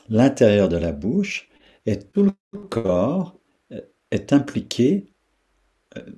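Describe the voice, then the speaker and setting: A deep-voiced man guides a meditation in an unhurried, pausing way. His voice is low and husky, and he often repeats sounds and words to let them sink in. He speaks with the calm patience of a teacher. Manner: slow, pausing, repeats syllables to demonstrate their sound.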